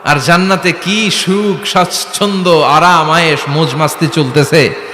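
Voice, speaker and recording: A man delivers a dramatic sermon, throwing rhetorical questions at the crowd. His fairly high voice rings bright and forceful. It carries a long echo through a big hall with faint ambience behind it. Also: a little slow, slight background noise. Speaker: preacher.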